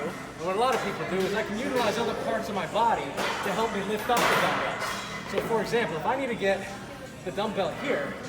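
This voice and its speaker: Guy with highish voice talking thru a face mask, casual gym how-to, echoey room, loud music behind. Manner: informal, halting, self-correcting explanations. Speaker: fitness video creator, host. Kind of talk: casual instructional gym vlog, explaining exercises. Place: indoor gym.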